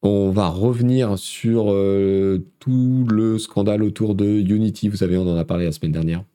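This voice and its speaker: A man's voice: lowish voice, fairly even intonation, moderate pace, dark tone. A man with a cold and a blocked nose hosts a live tech news show in French, talking casually with many hesitations. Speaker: host.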